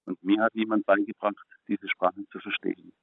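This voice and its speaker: A middle-aged man giving an earnest personal faith testimony as a guest, speaking haltingly and repeating words when moved. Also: lowish voice, level tone, vocal fry, dry recording. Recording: phone-like, narrow and dry.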